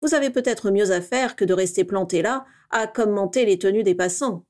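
A woman's voice: medium pitch, fairly quick, natural voice. A woman voicing a stern older female professor who speaks coldly to her pupils in a read-aloud story. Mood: cool stern. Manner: cold, clipped reproach.

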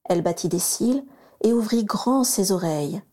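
A woman narrating a children's story aloud in a smooth, even storytelling manner. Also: medium pitch, normal speed. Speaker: reader.

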